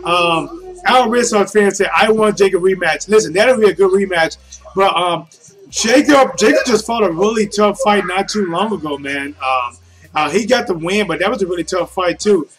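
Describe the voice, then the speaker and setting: A man with a noticeably high voice delivers unscripted boxing commentary. He talks casually and colloquially, addressing his listeners like friends as he works through his points. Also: normal speed, a bit bright, low-quality recording. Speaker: boxing commentator streaming to viewers. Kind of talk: casual off-the-cuff fight commentary.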